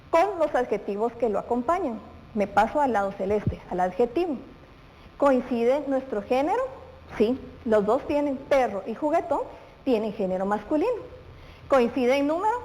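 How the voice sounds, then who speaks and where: Here a woman teaches grammar to children on television, asking the pupil questions and supplying the answers herself. She is a primary school teacher, and her voice is fairly high-pitched with a dark tone. The recording has reverb and faint noise.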